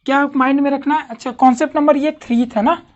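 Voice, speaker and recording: Woman teacher, high voice, quizzing her class often; dull lo-fi recording. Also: steady tone, fast. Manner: questioning, checks understanding often. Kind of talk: classroom grammar lesson.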